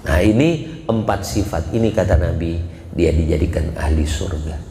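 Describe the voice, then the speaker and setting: Animated male preacher. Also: deep voice, moderate pace. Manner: animated storytelling, acts out dialogue. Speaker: religious teacher. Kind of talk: dawn study sermon. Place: mosque. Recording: reverberant mosque hall with faint hiss.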